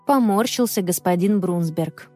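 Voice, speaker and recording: A woman narrating a children's audiobook in a clear, expressive reading style. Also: fairly low pitch, a little slow, faint music behind. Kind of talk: scripted storybook narration.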